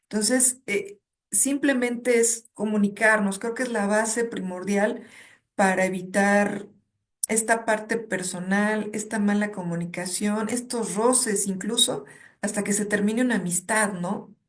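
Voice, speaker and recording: A woman's voice: mid-range voice, steady tone, measured pace. A woman, a guest academic who speaks in a reflective, conversational way and illustrates her points with personal anecdotes. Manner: reflective, tells stories and checks in with '¿no?'.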